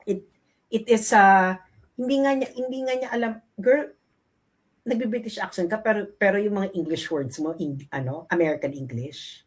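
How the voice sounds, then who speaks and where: A woman co-hosting a gossip commentary show. She talks bluntly and leans hard on her points, at an ordinary middle pitch for a woman. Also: slightly rough. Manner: blunt, emphatic, drawn-out critiques. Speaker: show co-host.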